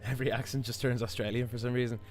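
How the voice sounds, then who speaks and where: A hoarse Irish man with his voice stuck low, chatting casually while live-streaming a game, rambling with lots of fillers and restarts. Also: flat delivery, rapid-fire, faint music behind. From Ireland. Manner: rambling, many fillers and restarts, chuckles often.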